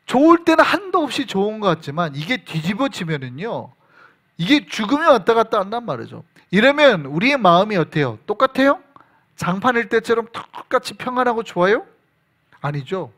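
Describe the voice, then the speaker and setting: A male pastor delivering a sermon with a high, lively voice that swings widely up and down. He preaches in an animated way, bursting into shouted quotes and dropping to hushed whispers. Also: brisk. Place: church sanctuary.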